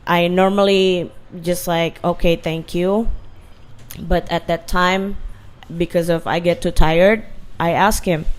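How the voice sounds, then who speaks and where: A woman speaks as an interview guest. She tells her story slowly and earnestly, restarting phrases and using fillers. Her voice is smooth and clear, set somewhat low. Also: steady tone. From Indonesia. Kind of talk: casual interview.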